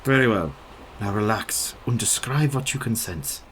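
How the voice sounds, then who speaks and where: An actor playing an old, determined professor and vampire hunter in a radio play, formal and deliberate. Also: male voice, lowish voice, animated, a bit bright, a little hiss or hum. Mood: insistent.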